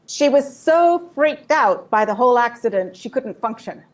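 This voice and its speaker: A woman's voice: fairly high pitch, expressive. Woman telling a story in short bursts. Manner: vivid storytelling, pausing for translation. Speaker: guest speaker. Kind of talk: personal testimony with live interpreter.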